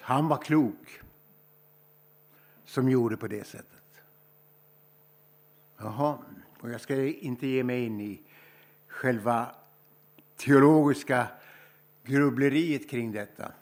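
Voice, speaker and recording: A man from Sweden preaching a sermon, telling stories slowly and reflectively, with emphatic pauses. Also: medium pitch.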